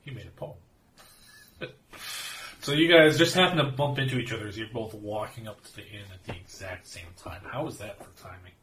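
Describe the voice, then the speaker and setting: A man's voice: on the low side, fairly quick, recorded from a distance. A man narrating and joking as game master in a tabletop role-playing game. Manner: relaxed, joking, with fillers and laughs. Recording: echoey room with faint noise.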